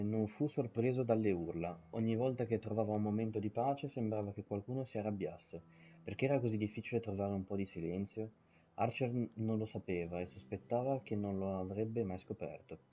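A man's voice: on the low side, husky, lo-fi sound. A man streaming a game, swearing casually and stumbling as he reads in-game texts aloud. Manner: swears casually, stumbles over words while reading. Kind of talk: live gameplay commentary and reading in-game texts aloud.

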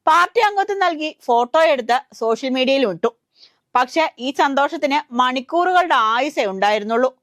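A woman's voice: high-pitched, fairly bright tone, dry recording, clean studio sound. A woman with a Malayali accent reading a scripted news voice-over in a wry, satirical storytelling way. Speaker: news narrator.

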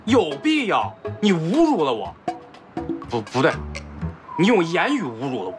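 Cheeky young man with swooping pitch. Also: wildly swooping pitch, normal speed. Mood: mock aggrieved. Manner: playful, exaggerated, wheedling. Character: cheeky, persistent young man, theatrically aggrieved. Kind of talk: screen drama dialogue. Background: background music.

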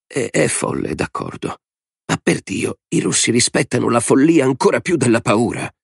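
A man's voice: mid-range voice, big pitch swings, moderate pace, creaky, slightly rough, no room sound, studio quality, pitched above the performer's own voice, full character voice. A man voicing a blunt, hawkish male general in an audiobook reading. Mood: urging. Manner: blunt, urging.

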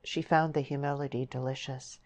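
Low-voiced woman narrating a novel. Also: moderate pace, poor audio. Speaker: audiobook narrator. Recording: steady background hiss.

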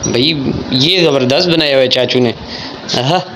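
A man's voice: mid-range voice, normal speed. Chatty young man vlogging on noisy streets. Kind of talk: casual vlog narration. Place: outdoors on city streets at night.

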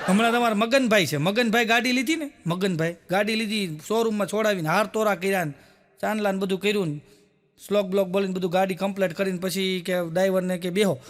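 A man's voice: high voice, a bit bright. A man, telling one folksy joke after another. He acts out the characters' lines himself and keeps laughing along as he talks. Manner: laughs often while acting out characters' lines. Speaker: stand-up comedian telling jokes. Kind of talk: Gujarati folk joke storytelling.

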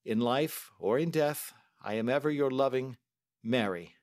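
A man's voice: mid-range voice, a little slow, a little mellow, lightly acted. A man reading a story aloud and voicing an older banker, distraught and pleading, in a raised, strained voice. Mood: grieving. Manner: pleading and overwrought. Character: distraught older male banker, grief-stricken, excitable.

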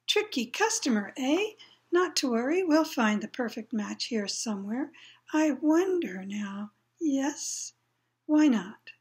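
A woman's voice: sits high, heavily acted. Woman doing Ollivander, an eerie old wandmaker. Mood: brisk, eager. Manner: quick shifts from murmuring to excited cries. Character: eccentric old male wandmaker, fussy and eerie.

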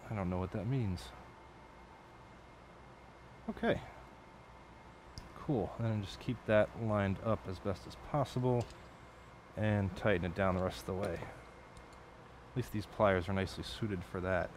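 An adult man with a fairly low, steady voice talks at normal speed through a late-night build at his home workbench, streaming as an electronics hobbyist. His casual commentary rambles, swears and corrects itself, with a faint hiss under the recording.

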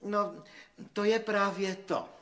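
An actor playing a wry, talkative village cobbler in a fairy-tale film. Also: male voice, sits high, steady tone, a bit bright. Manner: chatty, wry. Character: folksy, crafty village cobbler.

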